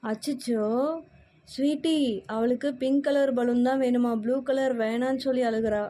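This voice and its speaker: A woman playing an older-sister helper in a children's Bible-school skit, soft and soothing with the kids. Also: sits high, steady tone, moderate pace, very noisy.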